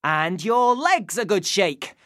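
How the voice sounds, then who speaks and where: Female music presenter for children, unhurried and animated, dry studio read. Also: medium pitch, dry recording. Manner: slow, lively, sing-song instructions to children. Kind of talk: school radio singing lesson.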